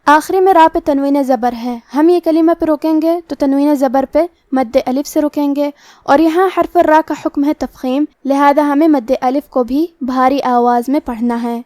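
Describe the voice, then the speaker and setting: A woman teaching Quran recitation rules step by step in a calm, methodical way. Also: high voice, no room sound, clean studio sound. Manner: slow drawn-out demonstration of each word. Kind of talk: step-by-step tajweed lesson.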